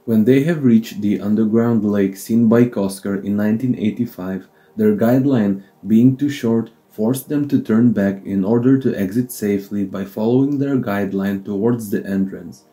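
A man narrating a documentary script in a steady, measured way, with slightly non-native phrasing. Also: lowish voice, soft background music, poor audio.

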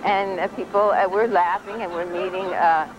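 A woman's voice: medium pitch, fairly even intonation, moderate pace, over music, low-quality recording. An older woman, a cruise passenger, chatting about her trip with many fillers, interviewed on a ship deck. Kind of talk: casual interview remarks.

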